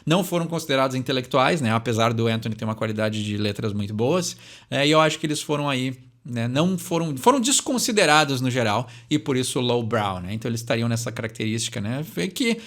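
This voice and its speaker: A man's voice: medium pitch, expressive, quick pace, fairly bright tone. A young man, hosting a channel and casually explaining song lyrics, thinking aloud and ending phrases with tag questions.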